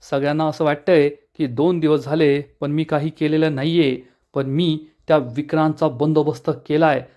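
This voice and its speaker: A man's voice: on the high side, flat delivery, moderate pace, few pauses, dark tone, lightly acted. Man doing a tough lawyer dad, stern and threatening, protective of his kid. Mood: stern tender. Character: fierce protective father, powerful lawyer.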